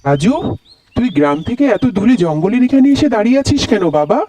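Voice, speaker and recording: A gentle cartoon dad. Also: male voice, sits high, very animated, fast. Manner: mild and coaxing. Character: gentle, patient father of a young boy. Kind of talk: cartoon voice acting.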